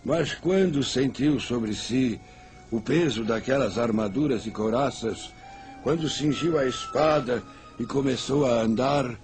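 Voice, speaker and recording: A man's voice: medium pitch, unhurried, music in the background. A man narrating a scripted story in a dramatic storytelling style.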